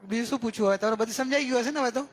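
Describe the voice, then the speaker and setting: Man, spiritual teacher, religious discourse, very high voice, coaxing questions, slow stretched emphasis. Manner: questioning, coaxing listeners with repeated checks; drawls out key words slowly for emphasis.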